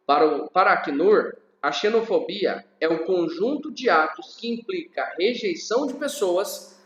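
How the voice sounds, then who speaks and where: A man's voice: fairly high pitch, echoey room, slight background noise. A man teaching a recorded class lecture in a conversational way, often checking in with tag questions.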